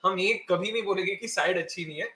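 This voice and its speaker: A man's voice: high-pitched, rapid-fire, pushed and bright. A man with an Indian accent hosting a casual, chatty sports show, switching between two languages with energy. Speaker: host of a cricket preview show. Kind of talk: casual sports chat, mixing Hindi and English. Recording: roomy echo, faint background noise.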